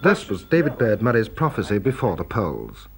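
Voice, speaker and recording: A man's voice: fairly low pitch, wildly swooping pitch, normal speed, gravelly. A man reporting in scripted documentary narration, in carefully written sentences. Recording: faint background noise, archive recording.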